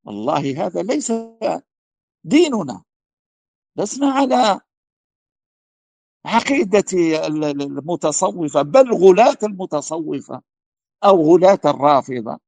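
A man's voice: a little high, sing-song, unhurried, creaky, long pauses, dry recording. A man answering a question as a religious scholar, emphatic and declaiming, with repeated rhetorical questions and stumbles on words. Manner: emphatic, rising to forceful declarations.

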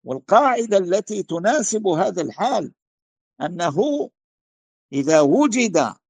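Speaking as a religious scholar, a man responds to a question in an emphatic, declaiming style that rises into forceful pronouncements, with repeated rhetorical questions and tripping over words. His voice is high-pitched, very animated and unhurried, with vocal fry, in a dry recording.

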